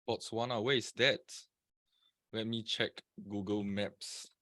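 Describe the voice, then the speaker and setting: A man's voice: fairly low pitch, fairly even intonation, slow pace, pushed and bright, no room sound, studio quality. Chatty man hosting a live webinar. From Singapore. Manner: chatty, greets viewers by name. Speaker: trading webinar presenter.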